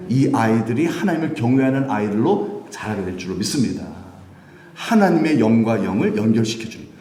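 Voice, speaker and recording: A man's voice: medium pitch, dark tone. A male pastor preaching a Sunday sermon, asking his congregation questions and answering them himself. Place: church sanctuary. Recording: echoey church from a distance.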